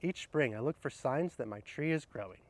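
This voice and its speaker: This middle-aged man, a horticulturist, sits outdoors beneath arboretum trees presenting children's picture books, reading them aloud and offering easygoing recommendations while addressing viewers in a gentle, explanatory manner. He speaks at a medium pitch, expressively and a bit fast.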